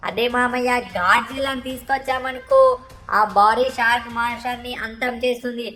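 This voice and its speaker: A woman's voice: on the high side, steady tone, a little fast, fairly bright tone, faint music behind, natural voice. A woman voicing a cheeky, whiny little boy who nags constantly and keeps calling for his uncle, in a fan-dubbed game parody. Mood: eager. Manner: nags constantly, repeating 'uncle'.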